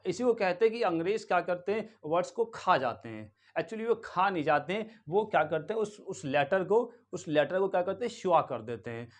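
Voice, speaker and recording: Man, Indian accent, high-pitched, English pronunciation teacher, repetitive drilling, rhetorical questions. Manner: asks rhetorical questions and repeats the answer; drills words by saying them again and again. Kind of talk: classroom-style pronunciation lesson.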